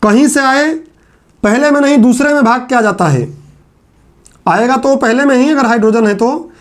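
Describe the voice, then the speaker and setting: A man's voice: very high-pitched, moderate pace. A man teaching a chemistry class in a casual, conversational way, repeating phrases to drive points home. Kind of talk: classroom lecture.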